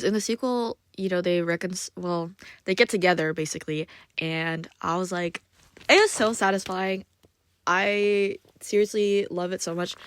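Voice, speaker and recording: Low-ish woman's voice, casual solo podcast, lots of likes and ums, kinda apologetic, dry sound. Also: dry recording. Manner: rambling, filler-heavy, frequent "like" and "um"; self-conscious, apologetic asides. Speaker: solo podcast host reviewing manga. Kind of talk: casual unscripted monologue.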